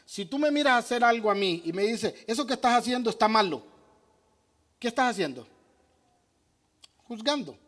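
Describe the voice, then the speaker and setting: A man's voice: extremely high pitch, lively intonation, moderate pace, long pauses, a bit bright. A man preaching as pastor, answering questions from the congregation in an emphatic way that asks and answers his own questions. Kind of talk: sermon with audience questions.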